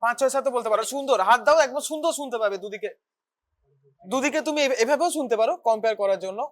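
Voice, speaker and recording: A clinical teacher giving a hands-on bedside demonstration, briskly instructing students step by step as they practise an examination. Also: medium pitch. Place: hospital teaching ward.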